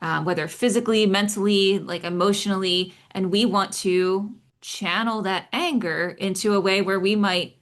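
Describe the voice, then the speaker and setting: A woman, a psychologist co-hosting a podcast, explaining calmly and at a measured pace with everyday examples. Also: mid-range voice.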